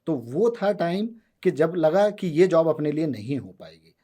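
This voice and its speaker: A man in his thirties from India, a guest telling his story in a relaxed conversational way, switching between Hindi and English. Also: a little high, a little slow. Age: 30s. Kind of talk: casual conversational interview.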